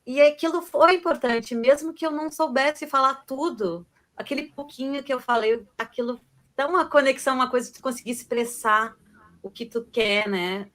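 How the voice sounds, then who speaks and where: A young woman with a fairly high voice talks casually on a live stream. She agrees readily and adds her own experience in an easy, conversational way. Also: moderate pace. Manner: warm, agreeing, telling a personal anecdote. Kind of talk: casual chat.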